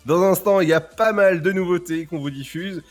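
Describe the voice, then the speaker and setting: A male radio co-host in a studio, playful and quick to giggle while announcing what is coming up. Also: high-pitched. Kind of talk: casual radio banter. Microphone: studio microphone.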